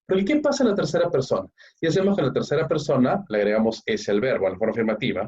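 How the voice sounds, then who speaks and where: A man's voice: medium pitch, lively intonation, very fast, darkish tone, husky. A man whose first language is Spanish, teaching an online English grammar lesson, explaining patiently and often checking in with "ok?". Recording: dull lo-fi audio.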